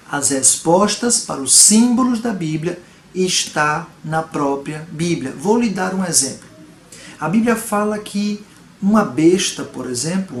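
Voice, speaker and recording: A man from Salvador, Brazil, preaching a home video sermon with earnest emphasis and rhetorical questions. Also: sits high. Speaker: pastor. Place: home room. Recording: echoey room, faint background noise.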